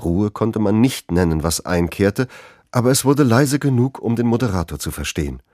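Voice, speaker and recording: Brief: male literary reader, lively dramatic delivery, very dry close sound. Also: on the low side, moderate pace, dry recording. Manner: dramatic, expressive. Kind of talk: literary reading.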